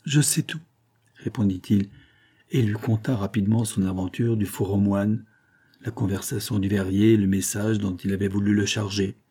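Male audiobook narrator, classic literature; low, warm, husky tone. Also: little pitch movement, normal speed.

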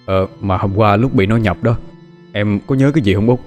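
A concerned older brother, voiced by a man with a lowish voice. He speaks gently and anxiously in this audio ghost story. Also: a little fast, faint music behind, close to an everyday voice. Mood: puzzled. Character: caring young man, worried older brother.

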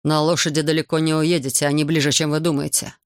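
A reader voicing an estranged husband who talks in a hurried, cold way in a dry, gravelly voice. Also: mid-range voice, flat delivery, no room sound, lightly acted. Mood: curt, urgent. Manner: hurried, cold, then shouting. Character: bitter, controlling estranged husband.

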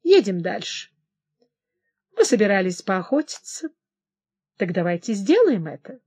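A woman voicing a cold, scheming older queen mother who speaks calmly and calculatingly. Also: medium pitch, measured pace, dry recording. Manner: calm, smooth, quietly calculating.

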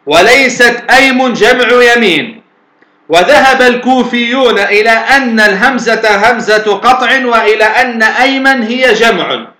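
A man with a high, bright, forceful voice gives a lecture, explaining patiently and asking himself questions before answering them. The sound carries a clear echo, as if recorded in a reverberant room. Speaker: sheikh teaching Arabic morphology. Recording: echoey room.

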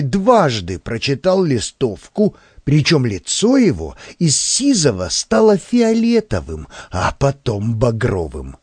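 Man, audiobook narrator, expressive storytelling, animated intonation, dry close recording. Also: a little high, slightly rough, dry recording. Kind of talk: scripted narration.

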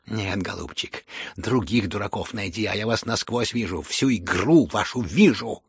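A man reading a furious, hysterical elderly noblewoman who scolds everyone around her, in shrill raised bursts. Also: animated, moderate pace, creaky, breathy edge, dry recording, clean studio sound, exaggerated voice. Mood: scolding. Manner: shrill scolding outbursts, rising to shouts.

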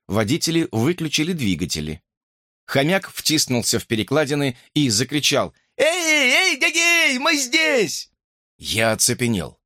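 A man narrating an audiobook in an expressive, animated reading. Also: mid-range voice, dry recording, clean studio sound.

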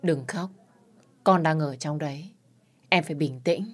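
A woman voicing a hot-tempered young man who shouts back defiantly and curses. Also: deep voice, unhurried. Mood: soothing.

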